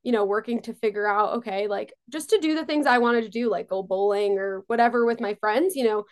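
A woman in her twenties, born in Israel and raised on Long Island, New York, talks casually as a guest entrepreneur in an interview, chatty and full of fillers. Her voice is mid-range and fairly quick.

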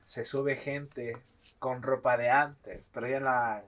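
A young man with a Mexican Spanish accent, co-hosting a casual chat and telling stories in a relaxed, slangy way. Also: mid-range voice, slow pace. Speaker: podcast co-host.

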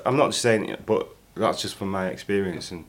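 Brisk and low-voiced, this Bolton man spins stories as a podcast guest, his Northern English accent coming through. He's an animated storyteller who swears and laughs throughout the casual conversation.

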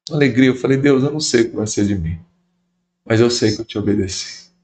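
Man telling a story with lively acted quotes. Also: medium pitch, fast talker. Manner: lively storyteller who acts out quoted dialogue. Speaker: bishop, guest. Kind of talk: storytelling in a podcast interview.

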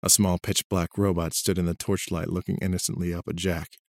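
Deep dry male storyteller reading prose steadily over faint music. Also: level tone, fairly quick, vocal fry, no echo. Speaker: narrator. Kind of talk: scripted storybook narration.

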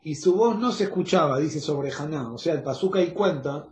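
A man with a Rioplatense Spanish accent teaches an online Talmud class, laying out each point step by step and pausing to check that everyone follows. His voice sits fairly high for a man. The sound carries a roomy echo. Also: expressive, a little mellow. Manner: explains step by step, checks in with "¿está bien?". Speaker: Torah teacher.

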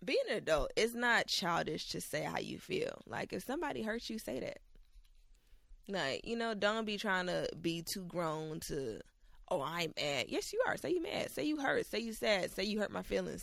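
Lively, creaky-voiced woman chatting on a podcast. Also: mid-range voice, moderate pace, no echo, clean studio sound. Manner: slangy, giggly, animated. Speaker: podcast co-host. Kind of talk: casual chat. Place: at a desk.

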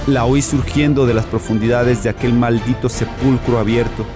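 An actor narrating as a haunted man recounting a horror, with grave, measured horror storytelling. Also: mid-range voice, steady tone, natural voice. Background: music.

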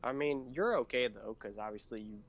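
A man's voice: mid-range voice, lively intonation, fairly quick, creaky, background noise. A young man co-hosting a casual podcast, talking earnestly and pressing with questions. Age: young adult. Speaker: podcast co-host.

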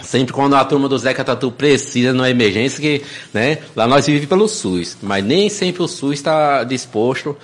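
A man's voice: medium pitch, animated, normal speed, few pauses. A man, a guest on a podcast, talking in a folksy, casual way and tagging his sentences with little question words. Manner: folksy, says "né?" and "viu?" constantly.

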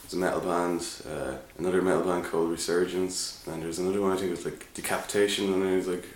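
Deep-voiced Irish man in an echoey room. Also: flat delivery, fast talker. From Longford, Irish midlands. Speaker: band founder being interviewed. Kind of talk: casual chat. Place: indoors on pub or venue premises. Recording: roomy echo, faint noise and clicks.

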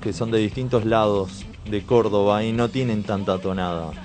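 A man's voice: lowish voice, fairly even intonation, normal speed. A man with an Argentine accent hosting a radio chat over an online call, throwing in short jokey remarks. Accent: Argentine Spanish. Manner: jokey, brief interjections. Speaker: radio host.

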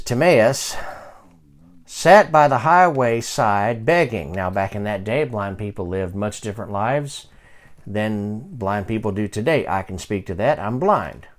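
A man in his fifties preaching a sermon, reading scripture slowly and moving from quiet asides to loud calls to pray. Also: medium pitch. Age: 50s. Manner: reads scripture slowly and deliberately. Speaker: pastor.

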